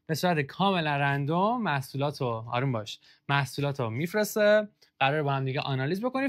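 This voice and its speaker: A man's voice: on the high side, fairly bright tone. A young man hosting a casual football kit review, joking and sarcastic as he reads out comments.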